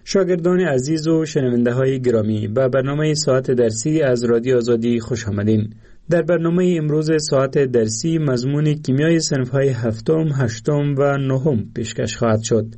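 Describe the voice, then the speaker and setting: A man's voice: medium pitch, warm tone. A man with an Afghan accent presenting an educational radio programme in a scripted, formal style.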